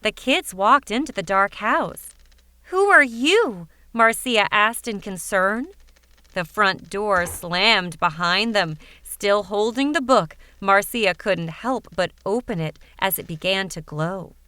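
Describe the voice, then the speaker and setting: A woman narrating a fairytale audiobook in a measured, even way. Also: medium pitch, smooth, no echo. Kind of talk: scripted storybook narration.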